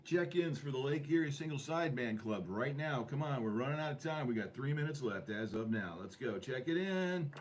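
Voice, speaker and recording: A man's voice: medium pitch, expressive, a little fast, hardly any pauses. A man hosting an amateur radio club net in a casual, rambling, jokey way. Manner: jokey, with mock sponsor plugs. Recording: noisy ham radio room recording.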